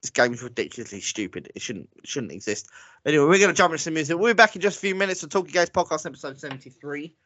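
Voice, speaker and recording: A man's voice: a little high, lively intonation, rapid-fire, fairly bright tone, no echo. A man chats on a gaming podcast in a blunt, dismissive way and laughs easily. His voice sounds dry and a little dull, as on a lo-fi recording. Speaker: podcast host. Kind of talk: casual gaming podcast chat.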